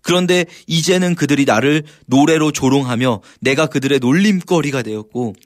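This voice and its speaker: A man's voice: mid-range voice, normal speed. A man teaching the Bible on a radio program in a conversational way, retelling passages with feeling and frequent casual fillers. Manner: explains animatedly, acting out quoted lines with feeling; frequent filler "막", informal storytelling.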